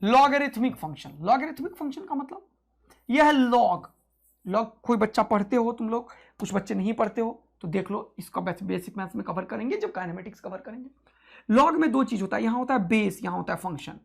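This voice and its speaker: A male physics teacher giving an exam-prep lecture, energetic and rousing, repeating key points to his students. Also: sits high, normal speed, creaky.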